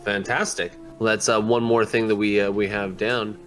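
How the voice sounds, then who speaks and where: Low-voiced man playing a tabletop game. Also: level tone, moderate pace, a bit bright, soft background music. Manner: hesitant, many fillers and restarts while speaking in character. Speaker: player. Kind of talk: in-character tabletop play.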